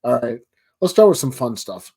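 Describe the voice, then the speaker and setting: The host, a man in his thirties with a Baltimore accent, conducts a casual, joking interview by webcam video call from a home office with framed pictures, sometimes stumbling as he talks. His medium-pitched voice has a dark, slightly rough tone, big pitch swings and normal speed.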